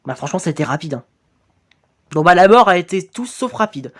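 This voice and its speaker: A woman's voice: fairly low pitch, expressive, a little fast. A woman reacting to fan-made cartoon episodes in chatty, enthusiastic commentary, praising the creators. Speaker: YouTube reactor.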